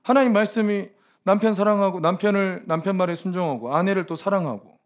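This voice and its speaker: A man preaching a sermon, teasing his congregation with quick rhetorical questions and joking asides. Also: sits high. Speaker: pastor.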